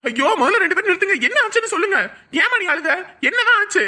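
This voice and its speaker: A woman voicing a worried middle-aged father in a cartoon, flustered and pleading for calm. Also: extremely high pitch, fast, heavily acted. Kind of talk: Tamil cartoon voice acting.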